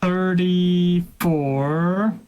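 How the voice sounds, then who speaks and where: Slightly high-voiced man playing a tabletop game. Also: fairly even intonation, extremely slow, muffled recording, slight background noise. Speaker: player. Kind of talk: casual tabletop game chat.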